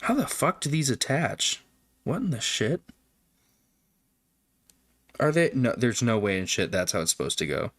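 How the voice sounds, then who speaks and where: A man's voice: medium pitch, very animated, moderate pace, long pauses, fairly bright tone, no echo. A man hosting a casual livestream, chatting with viewers in a rambling, profane way. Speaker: livestream host. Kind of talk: casual live-stream chat.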